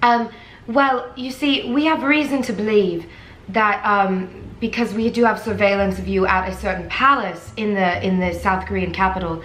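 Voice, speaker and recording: Pompous ambassador with a fake British accent, bright tone, echoey room, played by a woman. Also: mid-range voice, slight background noise, voice pushed down, close to an everyday voice. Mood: mock-official. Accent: put-on British. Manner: halting, mock-official. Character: pompous female government ambassador.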